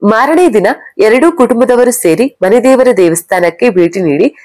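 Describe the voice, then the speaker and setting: A woman narrating a serialized family story in a steady storytelling manner. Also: fairly high pitch, moderate pace, dry recording. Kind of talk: scripted narration.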